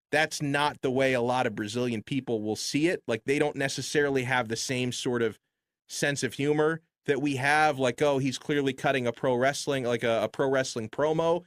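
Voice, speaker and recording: A man co-hosting sports radio talk, laying out his theories in an animated way. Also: medium pitch, normal speed, dry recording, clean studio sound.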